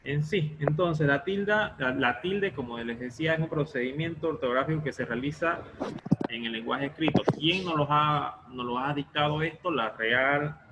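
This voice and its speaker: A man's voice: on the high side, lo-fi sound, noisy background. A male teacher explaining a lesson step by step in an online class, often stopping to check that students follow.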